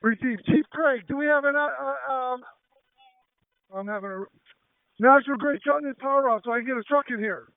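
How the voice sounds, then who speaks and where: A man's voice: extremely high pitch, brisk, gravelly, smooth, no echo. A man working as fire incident commander, giving urgent, clipped orders in firefighter radio traffic. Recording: tinny two-way radio transmission.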